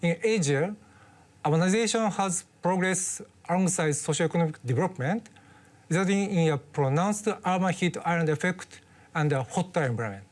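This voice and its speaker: Brief: interview guest, mid-pitched, explanatory and measured delivery. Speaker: expert guest.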